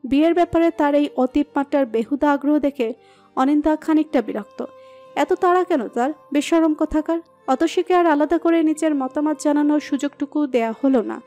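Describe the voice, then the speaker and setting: A woman narrating a romantic audio story in a steady, expressive reading. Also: high voice. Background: soft background music.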